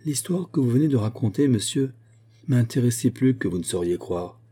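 Brief: a man voicing an agitated young aristocrat, pressing questions in a husky, dark voice. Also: mid-range voice, animated, brisk. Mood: troubled. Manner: troubled, insistent questioning. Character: rich young English lord, moved and jealous.

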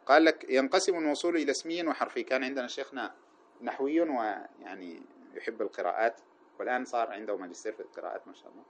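A man lectures briskly on a grammar text, moving at a quick clip in a mid-range voice. He keeps asking questions and answering them himself, and breaks into recited verse lines and Quran passages. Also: mid-range voice, a little hiss or hum. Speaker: grammar teacher. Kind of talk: classroom explanation of a grammar text.

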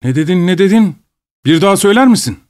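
A man doing a shouting, hot-tempered steward. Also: on the high side, a little slow, voice pushed up. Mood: furious. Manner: shouting, scolding. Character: hot-tempered Polish male estate steward.

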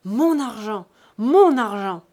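A woman voicing a furious, greedy grown peasant son who shouts accusations at his aged parents. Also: mid-range voice, lively intonation, unhurried, slightly rough, full character voice.

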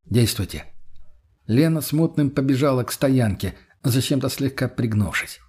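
Husky male audiobook narrator. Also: mid-range voice. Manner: steady first-person storytelling.

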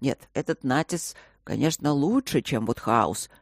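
Woman reader playing a gruff drunken father lord, grumbling, doting, low-pitched, dry close sound. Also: expressive, normal speed, a little mellow, no echo. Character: gruff, tipsy, overprotective middle-aged father, a burly fantasy lord.

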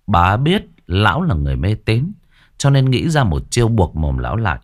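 A man with a very deep voice narrates a ghost story. His delivery swings up and down, expressive and full of storytelling cadence. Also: normal speed.

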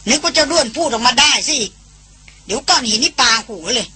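A woman voicing a spirited young noblewoman who talks softly and coaxingly in a storybook reading. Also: fairly high pitch, lively intonation, moderate pace, slightly rough, heavily acted. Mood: scolding.

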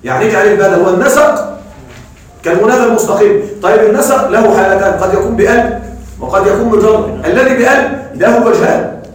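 A male grammar teacher giving a classroom lecture, quizzing his students and reciting verses slowly. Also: sits high. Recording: echoey room from a distance.

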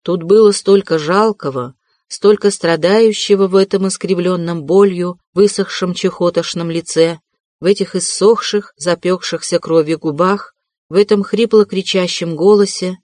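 A woman narrating a classic novel as an audiobook, in steady, even storytelling. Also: fairly low pitch, normal speed, dry recording.

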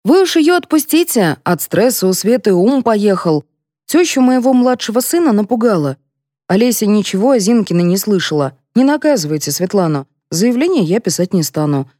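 A woman reading a composed elderly lady who speaks in a measured, reproachful way, in an audiobook. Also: medium pitch, big pitch swings, dark tone, no room sound, studio quality, close to an everyday voice. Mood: explaining. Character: composed elderly lady, dignified, cool-headed.

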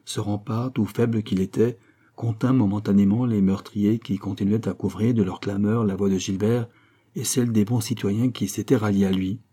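A man reading a classic novel aloud in a dramatic, measured narration. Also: fairly low pitch, fairly even intonation, dark tone, husky. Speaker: audiobook reader.

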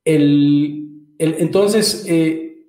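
A man's voice: on the high side, very slow, warm tone, roomy sound, rough recording. A man in his thirties, from Mexico, chatting as a podcast guest and often repeating words as he starts a thought. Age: 30s. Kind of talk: casual interview chat.

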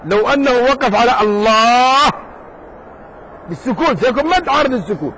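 A man teaching a jurisprudence lesson in a mosque circle, talking casually and lively, joking with his students and firing rhetorical questions at them. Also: very high-pitched, a little fast, slight background noise, poor audio. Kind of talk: informal classroom lesson.

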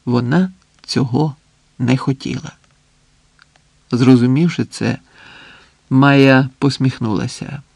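A man narrating a literary novel as an audiobook, reading in a measured, unhurried way with long pauses. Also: medium pitch, creaky, darkish tone, dry recording.

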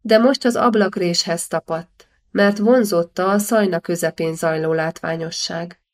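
A woman narrating a historical novel audiobook in a measured, expressive storytelling manner. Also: fairly low pitch. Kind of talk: scripted narration.

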